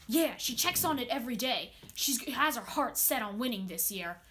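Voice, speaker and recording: A woman voicing young Sherlock, a clever, bored, know-it-all boy, acting in an amateur audio drama. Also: a little high. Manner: cocky, excitable, quick to complain of boredom. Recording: roomy echo, faint noise.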